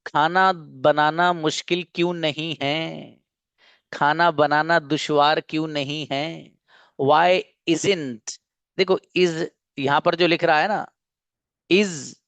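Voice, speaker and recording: Male online English teacher, smooth clear voice, dry close sound, drills sentences slowly and calls on students. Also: on the high side, no room sound.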